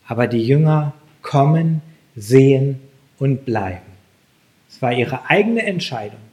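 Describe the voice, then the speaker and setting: A man preaching a sermon, slow and emphatic, his voice lifting sharply on the key phrases. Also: mid-range voice, expressive, a little mellow.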